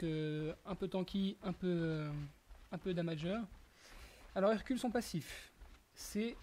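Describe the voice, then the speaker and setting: A gaming commentator explains gameplay in a casual, explanatory way, stopping and restarting with fillers and self-corrections. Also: medium pitch. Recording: steady background hiss.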